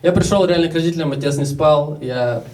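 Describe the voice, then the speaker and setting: A man's voice: fairly high pitch, brisk, darkish tone, far from the mic. A young Russian man in his twenties telling stories casually in a stand-up comedy set, acting out the voices of other people. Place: live comedy show with audience.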